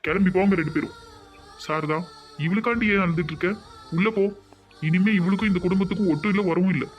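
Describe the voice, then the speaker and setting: A man's voice: high-pitched, fast, highs cut off, soft background music, close to an everyday voice. A man voicing a stern, angry village father in a cartoon, with a Tirunelveli Tamil accent and a blunt, threatening bark. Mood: furious. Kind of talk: cartoon voice acting.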